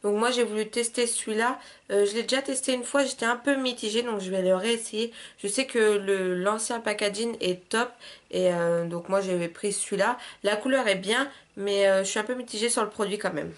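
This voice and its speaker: A woman's voice: medium pitch, a little fast. Chatty woman talking through her makeup. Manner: chatty, loose, with frequent "euh", "hop" and "voilà". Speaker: beauty vlogger. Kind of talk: casual makeup tutorial chat.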